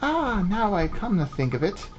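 A man's voice: high-pitched, big pitch swings, normal speed, lo-fi sound, faint music behind, pitched above the performer's own voice. A man voicing a fussy old shopkeeper lady who hoots like an owl. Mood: prim. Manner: prim, hooting.

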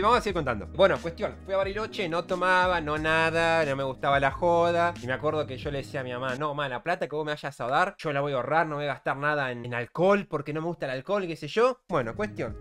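A young man in his twenties with an Argentine accent, a streamer telling a crude, self-mocking story to his chat with lots of slang. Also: fairly high pitch. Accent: Argentine Rioplatense Spanish. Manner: animated, crude slangy banter, laughs at himself.

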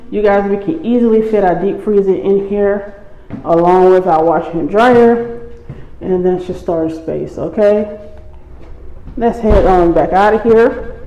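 A woman's voice: mid-range voice, dark tone, dull audio. A woman, short of breath as she gives viewers a casual, admiring walk-through on a handheld phone. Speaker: vlogger touring a show home. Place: walking through an empty or staged house and its yard. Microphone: handheld phone held by the person filming. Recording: echoey rooms, light background noise.

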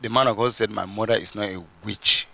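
Young man from Cameroon, lowish voice, bright edge, earnest testimony, handheld mic. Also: fairly even intonation, brisk, gravelly. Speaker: church testimony giver. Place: large church stage indoors.

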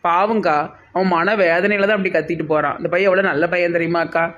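A man's voice: sits high, fairly even intonation, fast talker, a bit bright, lo-fi sound. A man voicing a nervous, defensive village man. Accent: Tirunelveli Tamil.

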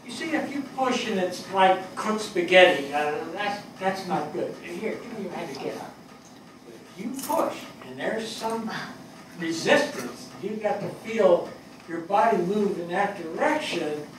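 An older man voices a plainspoken New York fire captain in a theatre play reading, earnest and fondly reminiscing, with a shy enthusiasm and halting, colloquial, emphatic delivery. His voice sits high and is expressive. The recording has a distant mic, hall echo and audible noise.

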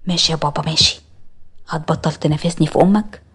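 A woman with an Egyptian accent voicing an annoyed young son who answers quietly and grudgingly. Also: low voice, fairly even intonation, quick pace, breathy edge, exaggerated voice. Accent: Egyptian Arabic.

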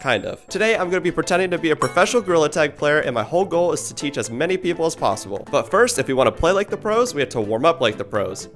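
A young man giving excited, casual commentary while playing a video game, often tossing in slang like "bro". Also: a little high, quick pace, few pauses, faint music behind. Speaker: gaming video creator.

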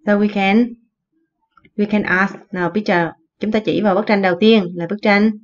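A woman teaching an English lesson, explaining words in Vietnamese and slowly repeating the English phrases. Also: mid-range voice, steady tone, dull audio. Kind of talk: recorded online lesson explaining vocabulary.

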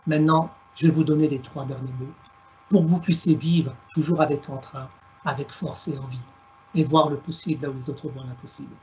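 Through a headset on a video call at home, a middle-aged guest storyteller from Alsace in France reflects in a measured way, slipping in plays on words. His voice is a little high, steady, warm and husky, and the highs are cut off.

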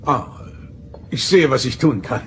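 An actor playing a courteous, diplomatic starship captain in a sci-fi audio drama, polite and measured. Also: male voice, mid-range voice, lively intonation, a little hiss or hum.

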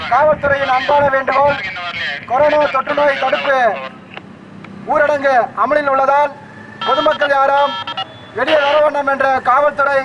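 A man making a formal police announcement over a loudspeaker PA system outdoors on a street. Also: very high-pitched. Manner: flat, repetitive, formal appeal. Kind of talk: public announcement. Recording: muffled street recording with traffic noise.

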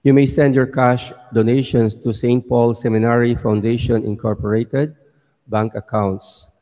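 Priest, mellow and measured, formal liturgical delivery, long cathedral echo. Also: male voice, medium pitch, flat delivery. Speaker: priest presiding at Mass. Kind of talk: liturgical prayer and announcements. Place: large church. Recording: long church hall reverb.

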